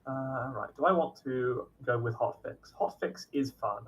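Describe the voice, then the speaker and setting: A man chatting casually as a co-op partner in a gameplay stream, relaxed and quick to laugh. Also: mid-range voice, husky. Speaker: co-op game partner.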